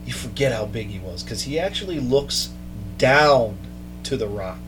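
A man hosting a casual chat, telling a story with mounting excitement. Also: medium pitch, normal speed, noisy background. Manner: excited storytelling, quoting others in raised voice. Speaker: podcast host.

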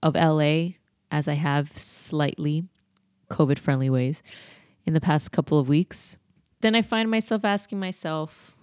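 A woman's voice: low-pitched, unhurried, darkish tone, clean tone, no room sound, clean studio sound. A woman hosting a solo podcast, rambling in a candid, reflective way as she thinks aloud. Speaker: podcast host.

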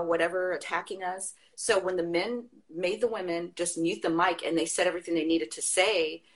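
A woman with a somewhat low voice talks with passion in casual conversation. She tells stories with energy and laughs as she goes. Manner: passionate, animated storytelling with laughs. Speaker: guest.

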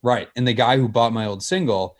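A man's voice: medium pitch, fairly quick. A man in casual conversation, telling things in an informal, anecdotal way. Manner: acts out quoted dialogue when telling stories.

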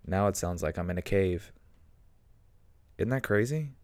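A man hosting a casual podcast, excitable and rambling, his voice run through a cave-like reverb echo effect. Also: deep voice, measured pace. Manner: excitable, rambling, self-interrupting. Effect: cave-like reverb echo added in editing software. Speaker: podcast host. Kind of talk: casual solo podcast chat. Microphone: home studio microphone.

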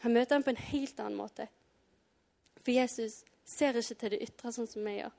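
A woman's voice: fairly high pitch, fairly even intonation, creaky, a little mellow. A woman giving an informal devotional talk, chatty and casual, acting out reactions in between reading. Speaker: preacher.

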